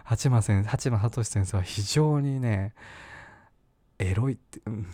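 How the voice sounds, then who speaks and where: Man podcast host, rambling, self-mocking, mellow low voice, dry close sound. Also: measured pace, dry recording. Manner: rambling, self-mocking, frequent laughs and fillers. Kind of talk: casual solo podcast talk.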